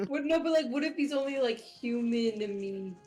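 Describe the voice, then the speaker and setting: A woman's voice: high voice, animated, measured pace, mellow, faint music behind. A woman player chatting casually with a playful, teasing manner. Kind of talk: casual chat.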